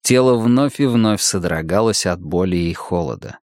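A man narrating a horror story in a dramatic, tense reading that drops to hushed tones and rises with alarm. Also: sits low, expressive, normal speed, no echo, clean studio sound. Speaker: audiobook narrator.

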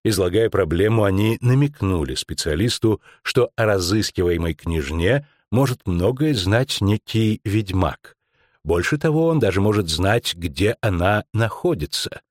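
A man playing a shrewd, ironic middle-aged lawyer-investigator in an audiobook, lecturing with drawn-out emphasis. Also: fairly low pitch, lively intonation, no room sound, studio quality. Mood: explaining. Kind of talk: audiobook acting.

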